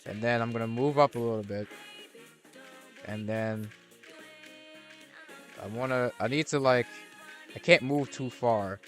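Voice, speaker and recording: Over soft background music, a young man streams a game and offers casual commentary at a measured pace, leaving long pauses. His voice is medium in pitch. He rambles, restarting often, using fillers and letting thoughts trail off.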